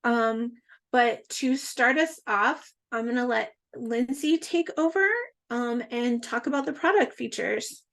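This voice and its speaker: A woman hosting a webinar over a video call, relaxed and friendly, with frequent fillers. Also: a little high, a little slow, gravelly. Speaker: webinar host. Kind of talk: casual hosting. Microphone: video call mic.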